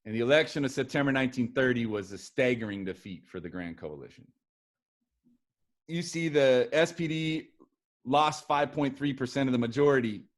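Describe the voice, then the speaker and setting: A man teaching a history lesson in a relaxed, chatty way, acting out what historical figures said. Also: medium pitch. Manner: animated, acts out quotes of historical figures. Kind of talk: casual classroom lecture.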